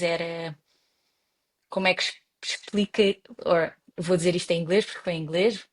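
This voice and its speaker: A young Portuguese woman with a European Portuguese accent, chatting as an interview guest, often restarting her sentences. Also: lowish voice. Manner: hesitant, many restarts and fillers. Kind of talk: casual interview conversation.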